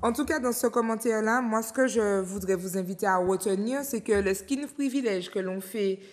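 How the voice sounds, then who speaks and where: A woman hosting a talk show, measured tone. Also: medium pitch, big-room sound. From Martinique. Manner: measured, reflective, reads viewer comments. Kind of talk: studio discussion.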